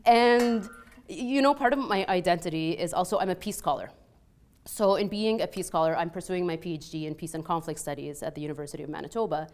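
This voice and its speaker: Sounding mostly Canadian with a faint Egyptian Arabic accent, a woman in her thirties from Egypt tells personal anecdotes on a panel in a lowish voice. She's a restaurant owner and peace scholar, and her delivery is lively and chatty, heavy on "like" and "you know" fillers, as she acts out quoted dialogue.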